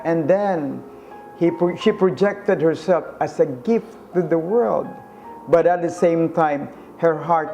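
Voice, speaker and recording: Slow, earnest male preacher. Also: on the high side, mellow. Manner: slow, earnest, emphatic with rising stresses. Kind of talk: sermon-style reflection.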